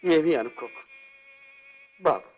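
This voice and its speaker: An actor playing an old, ruined former millionaire suffering from leprosy, who speaks in a tearful, sorrowful and humble way. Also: male voice, a little high, expressive, slow. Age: older. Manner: sorrowful, tearful, self-pitying pleading. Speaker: film character. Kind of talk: 1960s Telugu film drama. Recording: dull old film soundtrack with music.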